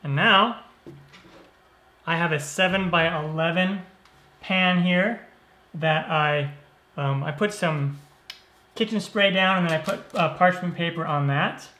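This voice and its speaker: A man hosting a cooking show, explaining each step of a recipe in a relaxed, easygoing way. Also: a little high, takes it slowly, pauses often. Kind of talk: cooking demonstration. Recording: roomy echo.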